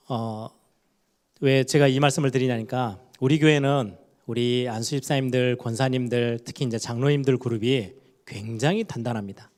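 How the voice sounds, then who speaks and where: A man in his forties, a pastor delivering a conversational sermon with frequent fillers and drawn-out words for emphasis. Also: mid-range voice, steady tone, a little mellow. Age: 40s. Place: church sanctuary.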